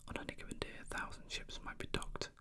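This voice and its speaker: A person reading a novel aloud in an unvoiced whisper, as ASMR narration. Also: quick pace. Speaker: reader.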